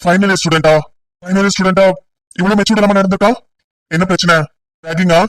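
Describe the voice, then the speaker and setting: A man playing a stern police officer and father in an amateur audio drama, brisk and lecturing. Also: sits high, fairly even intonation, fairly bright tone, far from the mic, low-quality recording. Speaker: police officer leading an enquiry.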